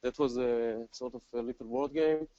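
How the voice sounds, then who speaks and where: A man with an Israeli accent giving a technical conference talk, relaxed and self-deprecating, with many fillers and restarts. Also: mid-range voice, moderate pace, no echo, highs cut off. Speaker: conference speaker.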